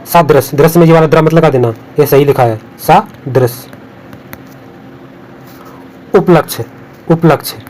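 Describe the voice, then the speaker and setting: Man drilling Hindi spellings, fairly high voice. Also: darkish tone, slight background noise, low-quality recording. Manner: repetitive, drills words and warns of exam traps. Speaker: Hindi exam tutor. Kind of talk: spelling lesson over on-screen notes.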